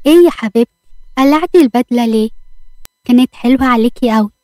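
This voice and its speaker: A woman's voice: fairly high pitch, fast talker, warm tone, dry recording, lightly acted. A woman with an Egyptian accent voicing a playful, teasing young husband in a read-aloud romance story.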